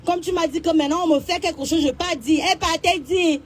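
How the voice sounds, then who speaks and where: A woman, speaking in a very high voice. She gives a personal account as a mother, in a halting way full of restarts, and acts out the people she quotes. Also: fairly even intonation. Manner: halting storytelling with many restarts and acted-out dialogue. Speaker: mother telling what happened to her daughter. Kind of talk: emotional personal testimony.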